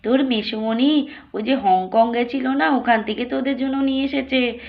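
Woman doing a chatty younger sister, high voice, dull recording. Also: close to an everyday voice. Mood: explaining. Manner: brisk, explaining. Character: cheerful younger sister, brisk and reassuring. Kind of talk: doll-play storytelling.

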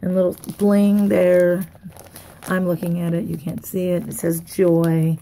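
A woman's voice: lowish voice, little pitch movement, measured pace, creaky, warm tone. A woman chatting casually to viewers as she unwraps craft mail, gushing and a little tired. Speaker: craft vlogger. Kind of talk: casual unboxing chat.

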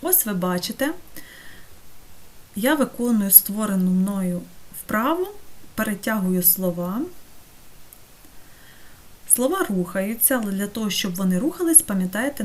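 A woman teaching an online course, talking through a screen-recorded software tutorial step by step and checking in with her students. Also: mid-range voice, lively intonation, moderate pace, pauses often. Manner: patient, step-by-step, checks in with "так?".

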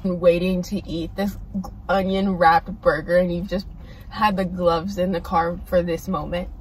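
Speaking at a measured pace in a fairly low, level voice, the host's daughter weighs in as co-reviewer during a relaxed food review from a parked car. She's a young adult woman, candid and opinionated yet laid-back. The phone mic sits slightly distant on the dashboard, and some background noise comes through.

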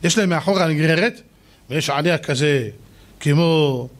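A man, a rabbi, giving a sermon as a story and acting out the people in it with animated delivery. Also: a little high. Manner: animated, acts out the people in his stories.

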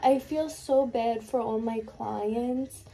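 This lash tech and beauty vlogger has a mellow, gravelly voice on the high side and takes her time, sounding stuffy and sniffly. Chatty and candid, she fills her get-ready-with-me talk with fillers. She's indoors in her bedroom, recorded by a camera placed close in front.

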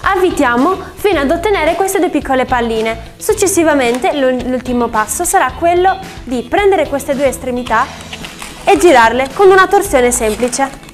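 A woman's voice: high-pitched, lively intonation, moderate pace. A woman explaining step by step how to make a balloon figure for children, in a friendly teaching manner. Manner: friendly, instructive. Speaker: balloon-craft instructor on a children's show. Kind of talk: step-by-step craft tutorial. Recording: music bed behind voice.

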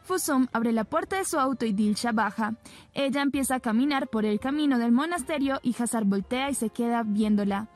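A woman's voice: fairly high pitch, brisk. A woman narrating a recap of a TV drama episode, retelling scenes and reading the characters' lines in her own plain voice. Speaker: soap opera recap narrator.

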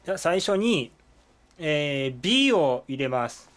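A man teaching a language lesson at a whiteboard. His voice is somewhat high, and his pitch bounces around a lot as he explains each word. He pauses often with drawn-out fillers. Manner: lively, explanatory, with frequent "eh" fillers.

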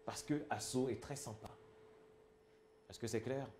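A man's voice: mid-range voice, unhurried, darkish tone, reverberant, a little hiss or hum. A man with a Cameroonian French accent giving an emphatic speaking lesson and often checking that his listeners follow. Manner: emphatic, asks the audience if it is clear. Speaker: public speaking trainer. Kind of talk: instructional talk.

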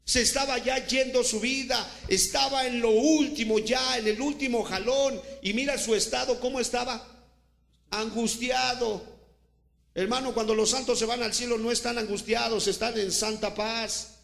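A man with a Mexican Spanish accent preaching a sermon as pastor, full of rhetorical questions, swinging between loud and hushed. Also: very high voice, fairly even intonation, moderate pace, gravelly. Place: church hall.

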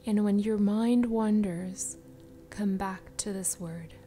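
A woman leads a guided meditation over background music. Her voice is soft and breathy, often sinking into a soothing spa whisper. She speaks very slowly at a medium pitch, leaving space between phrases. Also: steady tone. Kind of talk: slow guided meditation narration. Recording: music behind the voice.

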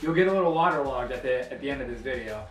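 A man's voice: medium pitch, expressive, racing. A man hosting a video channel in casual chat, jokey and keen to plug things. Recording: roomy echo, faint music behind.

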